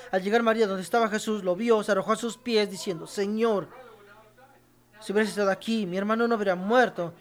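Preacher, mid-pitched, sermon with scripture reading; emphatic repetition, talks straight to the congregation. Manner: emphatic, repeats key phrases for stress; addresses the congregation directly.

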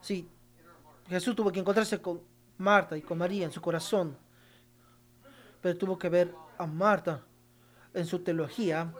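A preacher delivers a sermon in a mid-pitched voice, reading scripture aloud and pausing over it. Key phrases come back again and again for stress, and listeners are told directly what to underline and repeat. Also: steady tone. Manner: addresses the congregation directly.

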